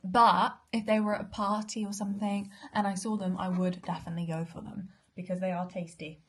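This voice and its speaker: Eating while she talks, a young woman from Britain tries food for her vlog, chatting away and occasionally dropping to a half-whisper. Her British-accented voice is medium-pitched and a little fast, with a flat delivery and slight background noise.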